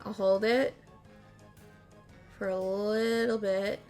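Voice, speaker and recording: An easygoing woman hosts a casual game livestream, chatting at a middle pitch. Music plays softly behind her relaxed, offhand talk. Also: slow pace. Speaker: streamer and host. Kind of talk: casual livestream chat while playing party games.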